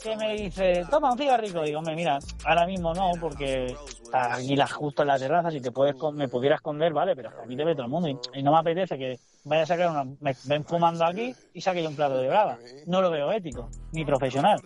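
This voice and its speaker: Fast-talking, foul-mouthed Spanish man. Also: on the high side, faint music behind. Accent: Spanish from Spain. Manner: crude, animated storyteller who acts out voices. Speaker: waiter telling anecdotes. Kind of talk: casual chat.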